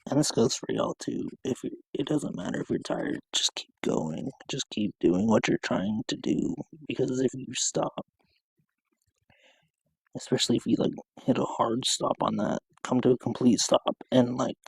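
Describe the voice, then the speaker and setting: A man's voice: medium pitch, animated, moderate pace, vocal fry, rough recording. A man livestreaming a casual, rambling, profane monologue, reflective and full of fillers like "like". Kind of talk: rambling live-stream monologue. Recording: loud music behind the voice.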